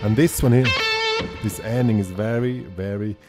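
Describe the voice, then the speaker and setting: A chatty guitar teacher with a low male voice gives a casual lesson at normal speed. He's self-deprecating and full of ums and restarts, while loud guitar playing fills the background.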